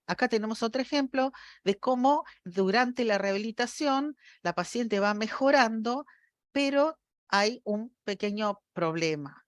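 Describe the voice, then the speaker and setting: A woman's voice: medium pitch, no room sound, studio quality. A woman gives a university lecture, explaining step by step and often checking that her audience follows. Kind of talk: academic lecture.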